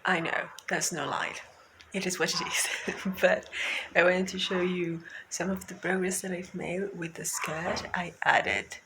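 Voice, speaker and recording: A woman's voice: on the low side, little pitch movement, measured pace, vocal fry, background noise. A woman vlogger thinking aloud in a casual chat about her sewing progress. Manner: chatty, thinking aloud, with "like" and "you know". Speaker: craft vlogger.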